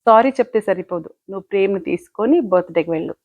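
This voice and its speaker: A woman's voice: medium pitch, fast talker, dry recording, natural voice. Woman voicing a preachy older sister, firm and moralizing, dull dry home recording. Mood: lecturing. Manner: lecturing, moralizing. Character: caring older sister scolding sister.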